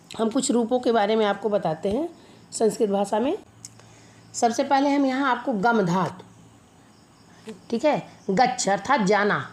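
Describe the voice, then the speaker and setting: A woman teacher with a fairly high voice explains a grammar lesson. She poses questions to her students and answers them herself. She slowly recites lists of verb forms for them to repeat.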